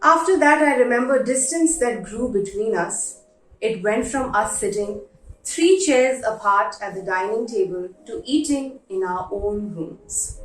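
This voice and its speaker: A woman giving a dramatic literary reading of letters, measured and pausing for emphasis. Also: a little high, expressive. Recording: roomy echo, distant from microphone.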